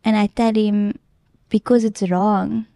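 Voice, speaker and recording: Mellow-voiced woman telling a story. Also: medium pitch, slow, creaky, no echo. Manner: earnest, animated retelling with filler ums. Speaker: podcast guest. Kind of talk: casual storytelling.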